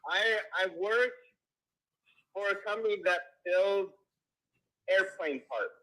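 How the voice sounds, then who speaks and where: A man's voice: sits high, low-quality recording. Man calling in on speakerphone. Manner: soft-spoken, hesitant, halting answers. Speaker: caller on a live show.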